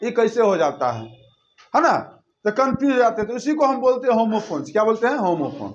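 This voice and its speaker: A man's voice: extremely high pitch, sing-song, brisk, muffled recording, a little hiss or hum. A male teacher giving a classroom lesson, drilling students by repeating his questions and answers back and forth.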